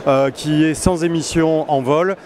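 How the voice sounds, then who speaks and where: A man in his forties, a sales manager answering interview questions in a measured, hesitant way with many filler sounds, recorded on a handheld mic. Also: fairly high pitch, fairly even intonation, a little mellow. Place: busy indoor trade-show hall. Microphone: handheld interviewer mic close up. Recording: clear crowd hall noise behind.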